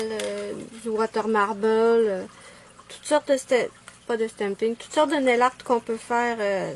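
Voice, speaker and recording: A woman chatting casually at home through a nail art tutorial, self-mocking and quick to apologize. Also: on the high side, slight background noise.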